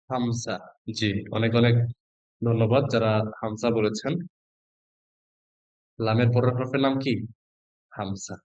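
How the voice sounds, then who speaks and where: A man's voice: mid-range voice, no echo, dull audio. A male Quran reading teacher giving an online class, patiently naming letters one by one and quizzing his students. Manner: patient, asks students questions and spells out letters.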